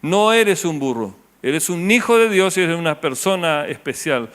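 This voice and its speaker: Male pastor, Rioplatense accent, sermon delivery; higher-pitched, drops to soft low tones for emphasis. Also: animated, normal speed. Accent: Rioplatense Spanish. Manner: rhetorical questions to the congregation, voice dropping low and soft on key words.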